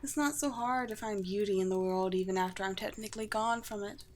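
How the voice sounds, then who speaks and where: In a scripted ASMR roleplay, a woman voices a kind, stately vampire queen, her speech formal, poetic, tender and lightly amused. Her voice is mid-range, fairly quick and natural, with a tender, wistful mood.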